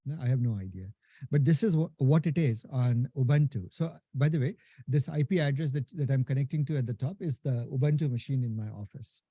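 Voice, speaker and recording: Medium in pitch and a bit fast, his voice is warm with a breathy edge and no echo. He's an instructor from India and Nepal with a thick Indian accent, running a relaxed live tech lecture where he calls students "guys," keeps asking "right?" and frequently starts sentences over.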